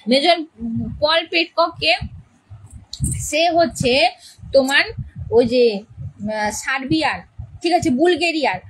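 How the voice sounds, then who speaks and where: A woman's voice: sits high, a bit bright, rough recording. A woman English teacher explaining a play's characters to students, repeating key words and often checking that they understand.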